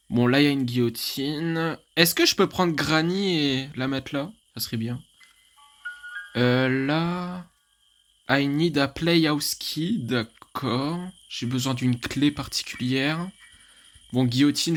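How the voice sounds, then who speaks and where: Unhurried casual French gamer guy. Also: medium pitch. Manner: chatty, swears casually, laughs at own mistakes. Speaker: gaming YouTuber. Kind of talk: casual gaming commentary.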